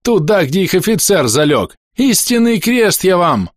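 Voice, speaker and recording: A man voicing an excitable, boastful soldier gunner who shouts eagerly in an audiobook battle scene. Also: medium pitch, moderate pace, no room sound, clean studio sound, pitched above the performer's own voice, natural voice. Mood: excited.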